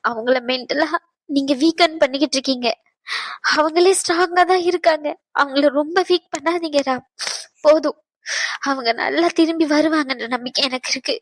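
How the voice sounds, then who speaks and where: A woman voicing a young fiancée who is gently firm and persuasive. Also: high-pitched, moderate pace, no room sound, lightly acted. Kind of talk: animated drama dub.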